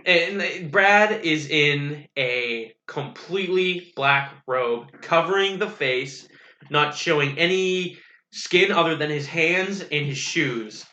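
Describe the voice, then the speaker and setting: A young man with a slightly high, bright and sharp voice tells a story in animated, quick bursts. He sounds like he is in an echoey room, and the recording is dull and lo-fi. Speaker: podcast co-host. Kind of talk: casual chat.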